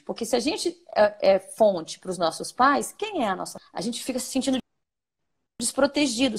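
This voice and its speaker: A woman's voice: fairly high pitch, gravelly, slightly rough. A Brazilian woman therapist explaining ideas in a conversational interview, asking and answering her own questions.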